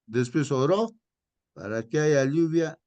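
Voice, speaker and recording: A man's voice: on the high side, a little mellow, no echo, highs cut off. Man teaching a Bible lesson, dry close sound. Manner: repeats "hermanos" and "¿no?" constantly, reads verses slowly and deliberately. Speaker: Sabbath school lesson leader. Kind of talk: conversational Bible lesson to a congregation.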